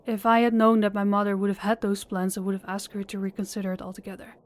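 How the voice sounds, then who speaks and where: In an audio roleplay, a woman voice actor and channel host plays a polite, desperate young woman pleading with a crime boss, speaking formally and deferentially. Her mid-range voice is flat, fast, and close to how she'd normally talk.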